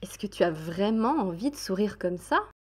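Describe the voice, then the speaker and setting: A woman's voice: medium pitch, animated, moderate pace, husky. A woman voicing a forthright young woman who asks direct, teasing questions.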